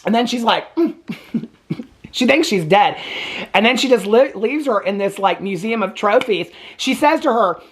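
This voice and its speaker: A woman talks through a movie she watched in a casual, chatty recap. She is sassy and sarcastic, with a middle-pitched voice. She keeps jumping into the characters' lines with big leaps in pitch. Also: animated, normal speed. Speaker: movie reviewer.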